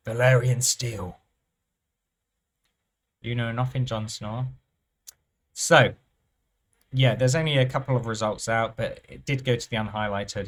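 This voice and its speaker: A man giving thinking-aloud commentary over live roulette play, musing and unhurried, often trailing off and restarting his phrases. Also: lowish voice, fairly bright tone. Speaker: roulette strategy presenter.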